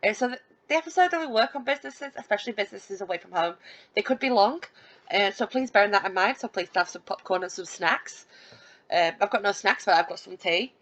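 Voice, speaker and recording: Speaking fairly quickly and expressively, a woman casually comments on her life-sim game as a let's play gamer. Her medium-pitched voice is fairly bright, and she rambles with lots of fillers and restarts, lightly laughing at her own expense.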